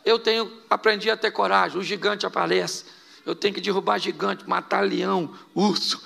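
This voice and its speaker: Gravelly, bright-voiced Brazilian preacher. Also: male voice, sits high, steady tone. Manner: fervent preaching with rapid rhetorical questions and joking asides. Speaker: pastor. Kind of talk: sermon.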